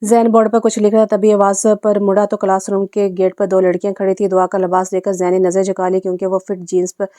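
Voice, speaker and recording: Flat-voiced woman reading a novel aloud. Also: medium pitch, quick pace, hardly any pauses, no room sound, studio quality. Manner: even, steady reading with small slips and restarts; voices every character in her own voice. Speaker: novel narrator.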